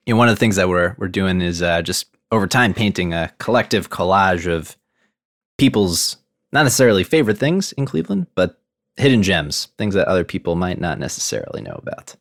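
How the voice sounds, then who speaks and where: Male podcast host, notably low pitch, conversational interviewing. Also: animated, brisk, dry recording, clean studio sound.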